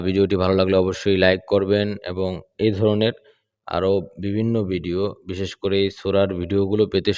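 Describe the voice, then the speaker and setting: A man's voice: low-pitched, darkish tone, smooth. A man from Bangladesh, a Quran teacher, patiently correcting pronunciation step by step and checking in with his students.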